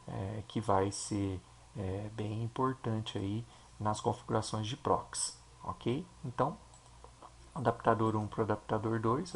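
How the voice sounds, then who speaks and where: A man with a Brazilian Portuguese accent, a teacher explaining a software installation step by step and checking in with his listeners. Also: fairly low pitch, vocal fry, a little hiss or hum. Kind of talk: screen-recorded software tutorial.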